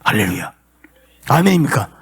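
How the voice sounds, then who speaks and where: A middle-aged male pastor preaching a sermon, shifting from plain talk to impassioned shouts and sung cries. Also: mid-range voice, big pitch swings, normal speed, gravelly, husky.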